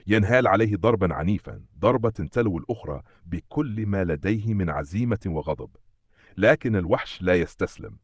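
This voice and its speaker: A male narrator with a very deep voice and a husky grain recaps a comic story in steady, dramatic scripted narration. The sound is dry and close, with no room around it. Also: brisk, no echo.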